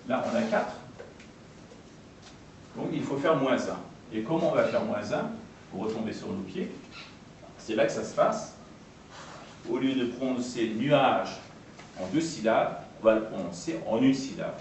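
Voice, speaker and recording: A man lecturing on poetry translation to an audience, patient and repetitive, spelling out each term with frequent pauses. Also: mid-range voice, expressive, vocal fry, a little hiss or hum. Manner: patient, repeats and spells out terms, pausing often. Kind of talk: explanatory talk to an audience. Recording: echoey room from far off.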